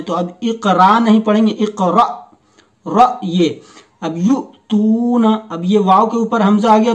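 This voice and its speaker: A man teaching Quran reading, slowly reading each word aloud and patiently explaining the rules. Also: sits high, distant mic. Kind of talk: slow step-by-step recitation lesson.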